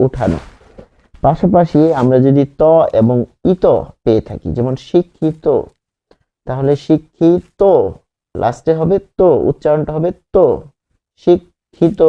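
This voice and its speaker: Man teaching grammar, dull lo-fi sound. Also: fairly high pitch. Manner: slow, repetitive, repeats example words and asks the class questions. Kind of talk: exam-prep grammar lesson.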